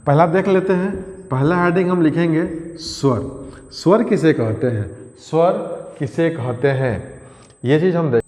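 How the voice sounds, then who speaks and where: A man's voice: a little high, unhurried, a little mellow. A male teacher giving an exam-prep grammar lesson, repeating key phrases and quizzing his pupils as he goes. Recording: echoey room with long reverb.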